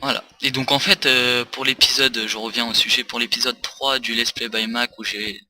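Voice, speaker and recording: A man's voice: mid-range voice, flat delivery, normal speed, pushed and bright. A tired man rambling through casual gaming commentary with many hesitations, recorded on a desk mic for a facecam. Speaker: let's play host.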